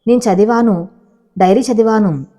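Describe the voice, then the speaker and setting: A woman voicing a remorseful young rich man pleading tearfully with his father, with a dark voice. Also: mid-range voice, normal speed, natural voice.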